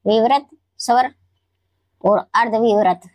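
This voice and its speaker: A woman teacher explaining grammar in a classroom lesson, repeating key words slowly and answering her own questions. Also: a little high, a little mellow, dry recording. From Rajasthan, India. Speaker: Hindi teacher.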